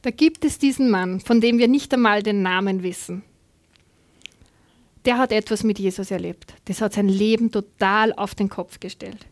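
A woman's voice: medium pitch, no echo. A woman preacher reading a Bible passage aloud and then speaking earnestly and directly to her congregation in a church service. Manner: earnest, addresses listeners directly. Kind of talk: scripture reading and sermon.

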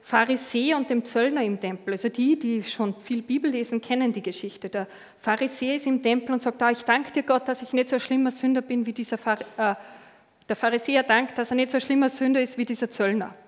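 A woman's voice: a little high, quick pace, in a large hall. A woman preaching a sermon in a conversational, earnest way, acting out inner voices with many fillers.

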